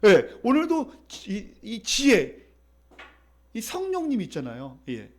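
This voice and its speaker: A man's voice: high-pitched, huge pitch swings, takes it slowly. A man preaching as a pastor, leading the congregation through reading and repeating scripture. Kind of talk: sermon.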